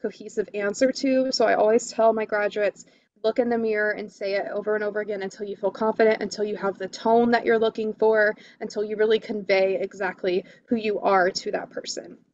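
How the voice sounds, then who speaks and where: A woman's voice: medium pitch, flat delivery, brisk, a little mellow, dry recording, dull audio. A woman career coach giving interview tips in a webinar, enthusiastic, with lots of "you know" and "um". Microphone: video call.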